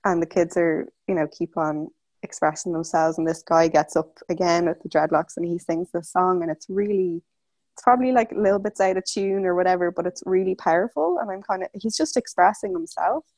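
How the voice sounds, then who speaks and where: A woman speaks on a video call, lower in pitch than most, telling a personal story. She rambles and corrects herself as she goes and acts out the voices in her head. The sound is close and dry, with no room in it. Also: darkish tone, no room sound. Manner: rambling, halting and self-correcting, with laughs and quoted inner voices. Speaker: community call participant sharing a story. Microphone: computer or headset mic on a video call.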